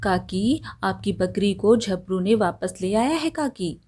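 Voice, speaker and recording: A woman's voice: mid-range voice, animated, slow pace, darkish tone. A woman voicing a clever young village man who teases and accuses his neighbor, in a storybook reading. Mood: teasing.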